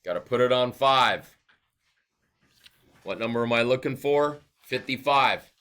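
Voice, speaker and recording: A man's voice: mid-range voice, measured pace, sharp tone, smooth. A male teacher giving a recorded math lesson, explaining step by step and asking and answering his own questions.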